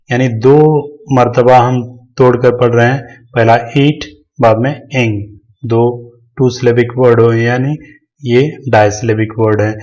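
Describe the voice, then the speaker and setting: Flat-voiced man patiently teaching syllables. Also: mid-range voice, low-quality recording. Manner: slow, patient, breaks words into syllables. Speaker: English teacher. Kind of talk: explanatory teaching voice-over.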